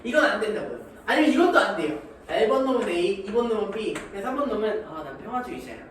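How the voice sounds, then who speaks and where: A man's voice: high-pitched, animated, fast. A man teaching math in a classroom, joking in slang, acting out little scenes, and checking often that students follow. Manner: slangy, keeps checking understanding. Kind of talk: classroom lecture. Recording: echoey room from far off, noisy.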